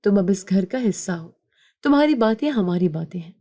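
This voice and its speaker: A woman's voice: mid-range voice, animated, dark tone, lightly acted. A woman voicing a mocking man who laughs off a complaint. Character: mocking man, sister-in-law's husband.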